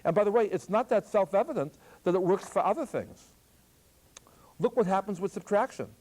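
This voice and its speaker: An older man, a math professor, giving a lively, joking classroom lecture on algebra. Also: sits high, normal speed. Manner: lively, jokey, plays with voice inflection. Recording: archival taped lecture.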